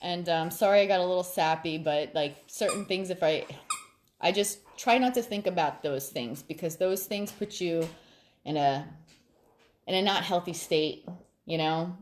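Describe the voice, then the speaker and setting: A middle-aged woman vlogging casually late at night, chatty and quick to laugh, then calm and reflective as she gives advice to her viewers. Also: lowish voice, a little hiss or hum.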